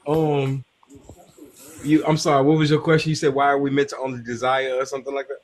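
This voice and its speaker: A man's voice: mid-range voice, level tone, a little fast. A man hosting a casual group chat over a video call, slangy and playful, laughing often as he pushes back. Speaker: live stream host.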